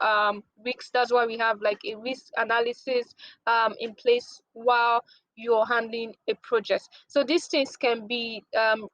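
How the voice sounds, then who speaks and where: A woman with a fairly high voice walks through a lesson in a relaxed, conversational way. She pauses often with small fillers and restarts. The sound is close and dry, with no room around it. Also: dry recording, rough recording. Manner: relaxed, with many ums and restarts, everyday examples. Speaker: project management instructor. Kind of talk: explanatory lesson with slides.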